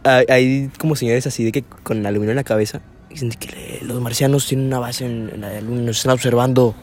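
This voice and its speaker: A man's voice: medium pitch, steady tone, a little fast, slight background noise. Laid-back Mexican man. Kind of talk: casual chat among friends.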